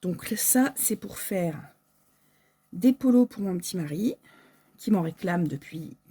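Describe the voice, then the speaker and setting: A woman's voice: lowish voice, animated, takes it slowly, mellow, slightly rough. A French woman chatting casually through an unboxing, hesitant and full of fillers, with packaging crinkling behind her. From France. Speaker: sewing shop owner.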